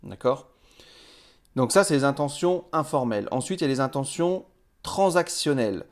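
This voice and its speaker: A man in his usual mid-range voice talks through a web tutorial as a trainer. He explains things step by step in a chatty way, often pausing on fillers. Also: medium pitch, expressive. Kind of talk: casual video tutorial.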